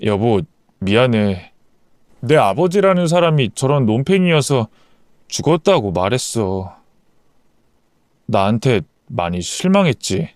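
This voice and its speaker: A man's voice: medium pitch, sing-song, a little slow, pauses often, darkish tone, clear, resonant tone, dry recording, clean studio sound, voice pushed down. A man doing a curt, bitter young husband. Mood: apologetic. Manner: curt, contemptuous.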